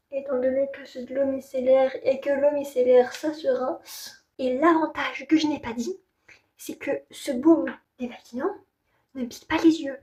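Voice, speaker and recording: A woman's voice: sits high, darkish tone. A woman with a Parisian French accent chatting informally and candidly through a beauty product demo. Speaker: beauty vlogger reviewing skincare. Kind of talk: casual product demo chat.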